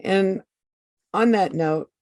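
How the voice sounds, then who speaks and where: A woman hosting an interview, speaking in a gentle, affirming way. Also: medium pitch, slow pace, no echo. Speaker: podcast host.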